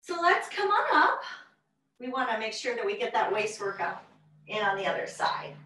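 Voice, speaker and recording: A woman Pilates instructor leading a home workout class over a video call, counting down reps with slow, drawn-out cues. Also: a little high, sing-song, bright, forceful tone, distant mic. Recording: echoey room, voice off-mic.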